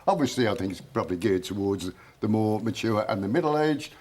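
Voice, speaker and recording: Easygoing older man, slightly low voice. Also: lively intonation, a little fast, a little mellow. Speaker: Chelsea Pensioner, veteran guest. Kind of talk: casual TV interview.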